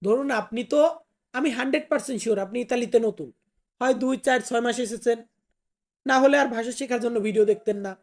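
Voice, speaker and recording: A woman teaching a language lesson, saying each new word slowly and repeating it before giving its meaning, with questions put to the learner. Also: a little high. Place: Italy.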